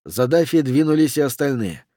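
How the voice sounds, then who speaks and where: A man narrating a thriller audiobook in a steady, measured reading. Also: medium pitch, no echo, clean studio sound.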